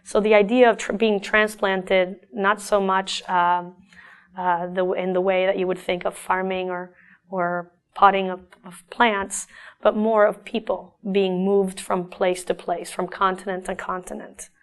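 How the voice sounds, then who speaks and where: Describing her own artwork, a middle-aged Argentine painter speaks in a reflective, faltering way with many restarts. She has a medium-pitched voice, level and clean in tone.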